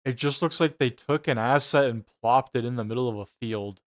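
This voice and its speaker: A man's voice: medium pitch, brisk. A man giving a casual, mocking reaction commentary, profane and incredulous in his delivery. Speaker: reaction show host.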